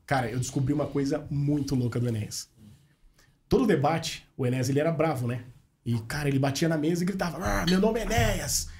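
A man's voice: medium pitch, fast. A man, a journalist chatting casually as a podcast guest and telling stories, acting out the dialogue he quotes. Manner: animated storyteller, acts out quoted dialogue.

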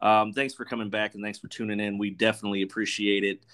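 Low-voiced man hosting a casual podcast. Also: level tone, fast talker, a bit bright. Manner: profane, informal, bantering. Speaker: podcast host.

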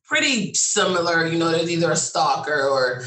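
A woman's voice: low voice, sing-song, normal speed, a bit bright. A woman guest author giving casual, informal, easygoing answers in an interview over a video call. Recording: roomy, distant video-call audio, faint noise.

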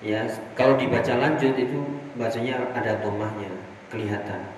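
A man's voice: medium pitch, steady tone, moderate pace, slight background noise. A man teaching Arabic grammar from a classical text, putting questions to his students and answering them himself. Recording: echoey hall from far off.

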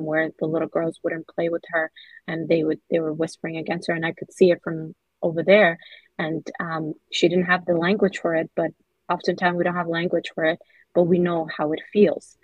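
A Somali-born woman, a children's book author appearing as a guest, gives reflective interview answers in a husky, low, flat voice. She speaks earnestly and at a measured pace, with many soft fillers. The recording is low quality, with no room sound.

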